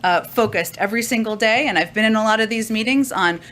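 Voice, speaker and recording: A woman press secretary answering reporters' questions in a measured way, with frequent filler pauses. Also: on the high side, a bit bright. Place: briefing room.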